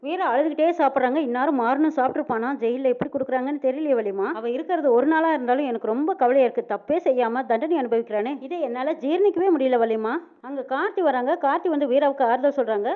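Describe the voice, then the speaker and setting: A woman's voice: high-pitched, fast. A woman retelling a TV serial episode as a storyteller, quoting every character in her own voice. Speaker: serial recap narrator. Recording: tinny phone-like sound.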